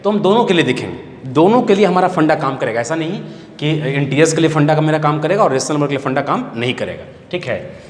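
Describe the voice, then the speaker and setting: Male math teacher, Bihari accent, repetitive question-and-answer lecture style, faint hiss in an echoey hall. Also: a little high. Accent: Bihari Hindi. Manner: repetitive, asks the class questions and answers them. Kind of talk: classroom lecture.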